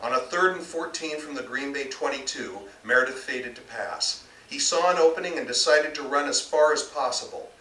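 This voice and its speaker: The author, an American man, reads from his novel with a forceful, bright delivery, medium pitch, moderate pace, and few pauses. The bookstore event was captured live and distantly indoors, giving a roomy sound with faint noise.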